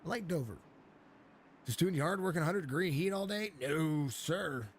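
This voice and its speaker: A man whose voice is fairly high, with lively intonation at normal speed, hosts and commentates a live sim racing stream while hoarse from laryngitis. He rambles through the grid, greets chat viewers, and fills his play-by-play with fillers and restarts; a little hiss or hum is audible.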